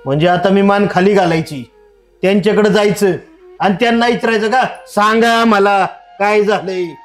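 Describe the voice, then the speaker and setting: A man's voice: sits high, steady tone, normal speed, faint music behind, natural voice. A man playing a harsh domineering village father. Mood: angry. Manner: scolding, contemptuous shouting. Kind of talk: short drama acting.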